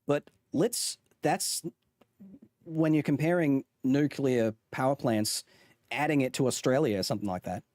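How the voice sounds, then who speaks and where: With a mid-range, slightly mellow voice at a measured pace, a man rambles through a chart for his stream chat. He puts on a mock Australian accent and keeps restarting and self-correcting in this casual commentary, captured in studio quality without echo.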